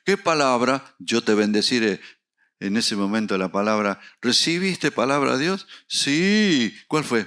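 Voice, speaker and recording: A middle-aged man preaching a sermon, telling a personal story with acted dialogue and rising to loud, emphatic peaks. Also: medium pitch. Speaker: pastor.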